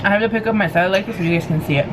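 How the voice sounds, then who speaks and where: A woman telling a story casually to viewers in an animated, giggly way, acting out what people said. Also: medium pitch, racing, background noise. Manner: giggly, animated retelling with acted-out quotes. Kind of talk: casual storytelling chat to camera.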